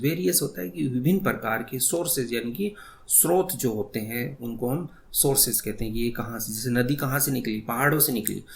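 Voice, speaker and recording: A man teaching English, explaining the text line by line and reading English words out slowly. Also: mid-range voice. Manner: slow, repetitive explaining, reads English words out one by one.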